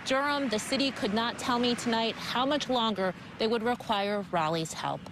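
A woman in her thirties with a fairly high voice, delivering a news report. Her broadcast delivery is measured and emphatic, over faint background noise.

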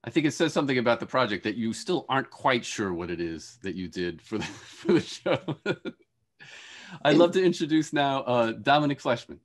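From a room with shelves, a man in his forties who is a professor hosts and moderates an online panel, opening it by introducing the speakers on a video call. His mid-range voice swings widely in pitch at a moderate pace, and his phrasing is hesitant with repeated words.

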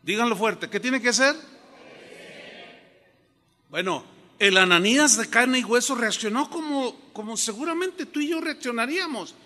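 Man, Mexican Spanish accent, pastor preaching, high voice, long church reverb. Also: normal speed, long pauses, pushed and bright. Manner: earnest preaching, addresses congregation directly. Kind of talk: sermon.

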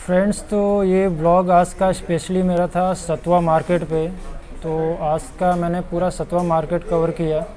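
A young man vlogs a casual walking tour of a market, chatting and pointing things out to viewers, with a clip-on lapel mic both outdoors and inside shops. His voice is high-pitched and warm, with little pitch movement and normal speed, though the audio is poor.

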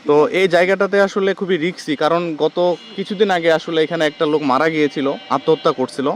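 A man's voice: a little high, quick pace, a little hiss or hum. A man vlogging at a roadside, asking urgent repeated questions and explaining to the camera. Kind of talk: street vlog conversation. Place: roadside near a rail crossing outdoors.

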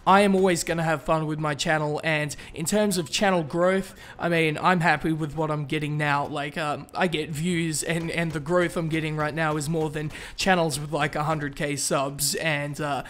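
A man's voice: on the high side, steady tone, normal speed, few pauses, a bit bright. A young man from Australia hosting a casual gaming Q&A vlog, chatty and upbeat with lots of fillers and restarts. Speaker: gaming YouTuber answering viewer questions.

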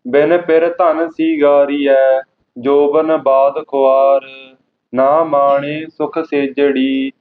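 A man reciting Sikh scripture line by line in a measured chant, as a student in a lesson. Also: on the high side. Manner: very slow, flat, measured reading line by line. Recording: tinny phone-like audio.

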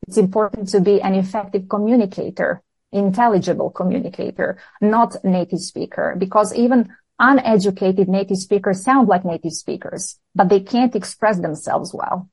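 A woman with a Serbian accent who is a language teacher. She speaks English as her second language and explains her ideas in an earnest, measured way. She sounds like a guest answering questions in a podcast interview. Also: mid-range voice, darkish tone, husky, poor audio.

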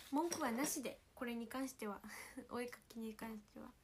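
Teenage woman, Kansai accent, higher voice, hushed casual livestream chat through a sore throat, on a phone mic with faint noise. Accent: Kansai Japanese. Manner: soft-spoken, often drops to a whisper. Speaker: idol livestream host.

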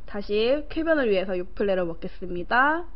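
A woman's voice: medium pitch, animated, moderate pace. A young woman hosting a live-stream eating show, chatting casually with viewers as she eats, at times playful and singsong. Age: young adult. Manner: talks while eating, with short murmurs between phrases. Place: small room indoors. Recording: dull, lo-fi stream audio.

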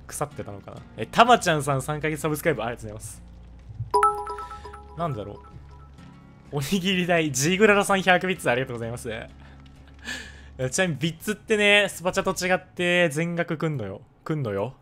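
A man with a hoarse voice, chatting casually while live-streaming a game and thanking viewers for donations. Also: on the high side, big pitch swings, fast talker, pushed and bright, soft background music.

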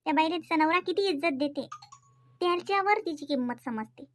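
High folksy Varhadi woman narrator. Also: expressive, brisk, faint music behind. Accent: Varhadi Marathi. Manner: chatty, lecturing, folksy advice. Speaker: cartoon narrator and main character. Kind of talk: scripted comic cartoon voice-over.

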